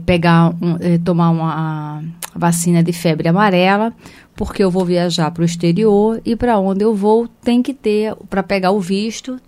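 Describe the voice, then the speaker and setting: A woman from Brazil hosting, telling an everyday anecdote in a lively, casual way. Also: mid-range voice. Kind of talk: casual chat.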